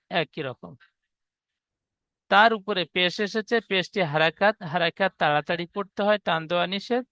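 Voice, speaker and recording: Male reading teacher, bright and crisp, dry close sound, patient and repetitive. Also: sits high, dry recording. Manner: patient, repetitive step-by-step explaining. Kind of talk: online reading lesson.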